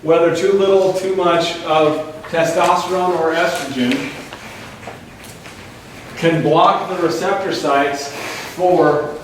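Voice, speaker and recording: A man giving a lively health workshop lecture to a live audience, asking them questions and adding sarcastic asides. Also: a little high, takes it slowly, pauses often. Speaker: chiropractor presenting a health workshop. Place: large echoey room with a live audience. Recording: very echoey room, distant mic, faint noise.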